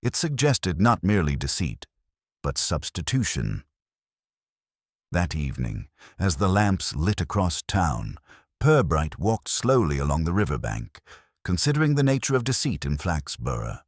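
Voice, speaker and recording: This scripted mystery narration comes from a man whose voice is extremely deep, with lively pitch movement and a measured, literary delivery. The sound is close, dry, and free of echo.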